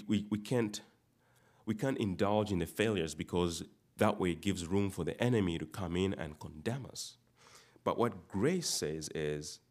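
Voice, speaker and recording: A man from Uganda delivers a sermon in a very deep, low voice. He often repeats words and restarts phrases to press his points home. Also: darkish tone. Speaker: preacher.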